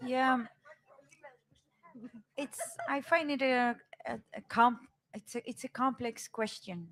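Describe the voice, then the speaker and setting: On a panel, a Dutch-born woman poet from the Netherlands, whose first languages are Dutch and Moroccan Arabic, speaks thoughtfully. Her voice is on the high side, fairly bright and steady, at a slow pace. She moves between English and Moroccan Arabic as she tells her stories.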